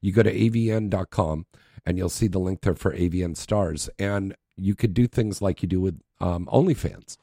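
A man's voice: deep voice, normal speed, creaky, warm tone, breathy edge, dry recording, clean studio sound. A man hosting a casual interview, informal and prompting his guest with questions. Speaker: interview host.

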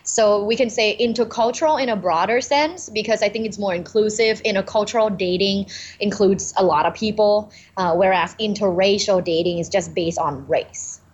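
A woman's voice: medium pitch, normal speed. A woman from Thailand, a communication professor, speaking as a podcast guest, cheerful and explanatory, laughing often. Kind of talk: interview podcast. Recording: dull lo-fi sound.

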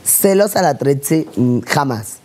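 A woman's voice: extremely low pitch, animated, unhurried, a little mellow. A woman, co-hosting a podcast in casual chat, candid and teasing as she tells stories. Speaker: podcast co-host.

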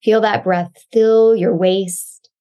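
Woman leading a calm grounding exercise. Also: mid-range voice, slow, lo-fi sound. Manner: calm, soothing, instructive. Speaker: Pilates and embodiment teacher, guest.

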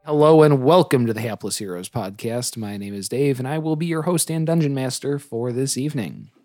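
A man's voice: mid-range voice, a little fast, darkish tone, dry recording. A man with a mid-range voice hosts a tabletop gaming podcast as dungeon master. He narrates theatrically, with grand, joking flourishes.

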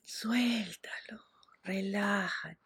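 A woman guiding a relaxation meditation in a soft, soothing voice, with breathy whispered cues. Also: medium pitch, extremely slow. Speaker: meditation guide.

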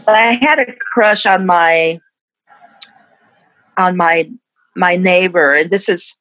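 A woman in her fifties speaks in a casual interview as a musician guest, her voice sitting somewhat low. She is reflective and laughs often between thoughts. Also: slow pace, fairly bright tone, slight background noise, poor audio. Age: 50s.

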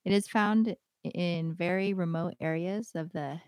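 A woman's voice: on the low side, fairly even intonation, measured pace, a little mellow, no echo. A young woman co-hosting a podcast, chatting in a friendly way and reading out a segment. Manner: friendly, giggly, conversational. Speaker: podcast co-host. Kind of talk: casual chat and read-out segment.

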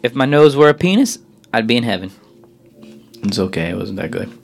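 A man's voice: mid-range voice, sing-song, fairly quick, gravelly, heavy background noise. A man co-hosting a casual radio show, bantering, teasing and reading things out in a joking way.

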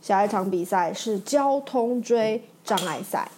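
A woman reading a children's storybook aloud with an expressive, animated delivery. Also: medium pitch, a little slow, slight background noise.

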